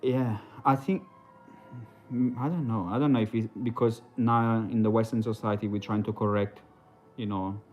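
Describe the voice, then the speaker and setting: A man's voice: lowish voice, steady tone, normal speed, dull audio. A man from Italy, talking casually on a livestream in a hesitant, rambling way full of fillers and restarts. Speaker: livestream host.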